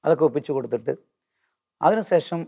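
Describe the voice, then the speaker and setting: A man's voice: a little high, animated, creaky, dark tone, breathy edge. Earnest man telling his story. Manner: earnest storytelling, slowing down when quoting hymn lines. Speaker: guest giving testimony.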